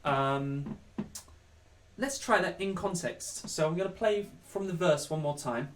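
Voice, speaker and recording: A man leading an online singing lesson, counting in and singing lines to demonstrate. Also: medium pitch. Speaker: choir leader. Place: home room. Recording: roomy, distant mic with backing music.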